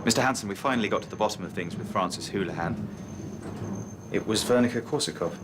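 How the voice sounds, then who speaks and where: A man playing a brisk hospital doctor reporting to a colleague in a TV drama. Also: lowish voice, noisy background, close to an everyday voice. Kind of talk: scripted TV drama dialogue.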